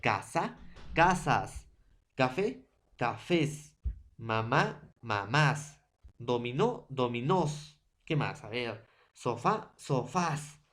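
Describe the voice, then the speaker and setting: A man's voice: mid-range voice, very animated, very slow, a bit bright. A man with a Peruvian accent teaching a grammar lesson to secondary students, listing word pairs and checking in with the class often. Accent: Peruvian Spanish. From Peru. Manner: lists word pairs one by one.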